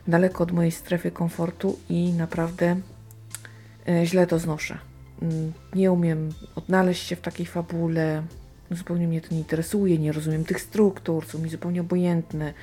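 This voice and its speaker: Woman, mellow low voice, casual book reviewer, hesitant, thinking aloud. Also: flat delivery, moderate pace, soft background music. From Silesia, Poland. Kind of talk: casual unscripted book commentary.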